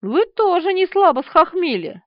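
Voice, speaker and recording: A woman's voice: extremely high pitch, sing-song, measured pace, no echo, pitched above the performer's own voice, exaggerated voice. Fyodor, a woman doing a groaning young joker. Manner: whiny, groaning. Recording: dry, slightly dull studio recording.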